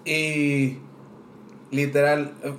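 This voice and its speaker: Animated Mexican man telling stories. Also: on the high side, very slow, a little hiss or hum. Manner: animated storyteller, slangy. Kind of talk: casual chat. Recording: roomy echo.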